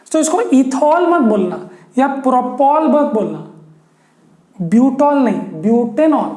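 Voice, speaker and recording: A man's voice: very high-pitched, a little mellow, echoey room. A male teacher giving a lesson, who keeps asking his students questions and repeats key words as he explains step by step. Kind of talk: online classroom lesson.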